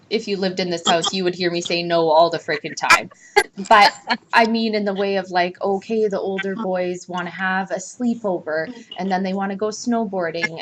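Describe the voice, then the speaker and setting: A woman with a mid-range voice talks candidly on a live home chat show. She rambles and laughs at herself. Faint background noise sits under her voice. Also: mid-range voice. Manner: candid, rambling, self-deprecating. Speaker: co-host. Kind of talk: casual chat.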